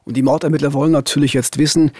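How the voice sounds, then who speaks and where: Speaking very fast with a level, somewhat high voice, a man in his fifties narrates a crime case in scripted dialogue as a true-crime reporter and podcast co-host. His tone is dark and slightly rough, and the recording is dry. He sits at a studio boom microphone wearing headphones in a small, dark studio.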